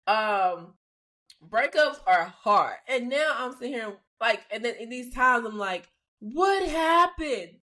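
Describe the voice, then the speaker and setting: A woman's voice: on the high side, bright, forceful tone. A woman hosting a faith-based podcast, talking casually and expressively, laughing often and dropping slangy asides. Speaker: podcast host.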